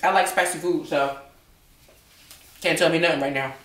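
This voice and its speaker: A woman's voice: sits low, fairly even intonation, normal speed, a little hiss or hum. A young woman vlogger chatting casually at home while she eats, sometimes talking with her mouth full. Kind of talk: casual chat while eating. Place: home, indoors. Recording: roomy, from a distance.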